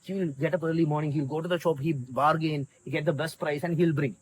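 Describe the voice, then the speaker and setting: A man's voice: a little high, fairly even intonation, fast talker, slight background noise, rough recording. A man with a South Indian accent telling a story conversationally as a guest in an interview. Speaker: interview guest, volunteer community organiser.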